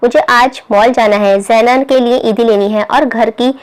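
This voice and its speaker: A woman's voice: on the high side, fairly even intonation, normal speed, natural voice. A woman voicing a bossy, sarcastic middle-aged mother.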